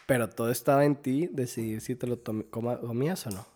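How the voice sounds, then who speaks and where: A young man with a Mexican accent co-hosts a podcast in a medium-pitched voice. He teases his friend with dry, short jabs. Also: fairly even intonation, brisk, warm tone. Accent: Mexican Spanish. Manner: teasing, dry, interjects short remarks. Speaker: podcast co-host. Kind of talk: casual chat.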